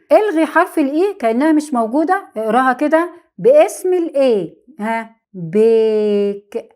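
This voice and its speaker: Woman, Egyptian Arabic accent, English teacher, slightly high pitch, repeats words slowly, asks herself questions. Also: a little mellow. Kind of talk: lesson explaining vowel rules.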